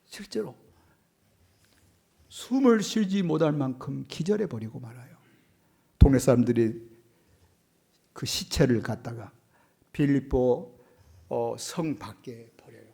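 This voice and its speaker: A man preaching a sermon as pastor, rising to loud, urgent appeals and dropping to quiet asides, often asking the congregation questions. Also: medium pitch, animated, slow, creaky, pauses often, slightly rough. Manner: swings from loud impassioned preaching to soft hushed asides.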